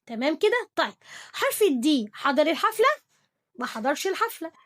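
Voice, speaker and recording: A young woman with an Egyptian Arabic accent and a high, bright voice runs a cheerful English lesson for kids. She poses little quiz questions to her pupil and praises every right answer. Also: sing-song, brisk. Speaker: English teacher. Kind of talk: playful lesson for children.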